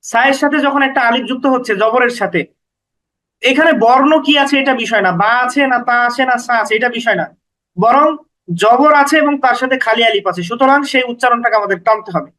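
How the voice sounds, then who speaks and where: A man with a very high, bright and forceful voice teaches recitation rules. He goes through them patiently, one after another, repeating each point and stretching out the example sounds. His stays even throughout the lesson. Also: quick pace, poor audio. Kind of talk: step-by-step lesson explanation.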